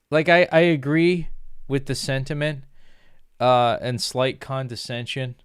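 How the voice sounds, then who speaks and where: A man's voice: mid-range voice, steady tone, slow, clean tone, no room sound, studio quality. A young man from the United States chatting casually on a livestream, rambling with lots of fillers and restarts. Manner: rambling, filler-heavy, self-correcting.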